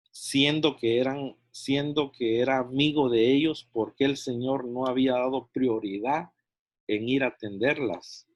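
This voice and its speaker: Halting man teaching a Bible study. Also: mid-range voice, no room sound. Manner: halting, often checks in with "¿verdad?" and restarts phrases. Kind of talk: discipleship Bible teaching over video call. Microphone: video call microphone.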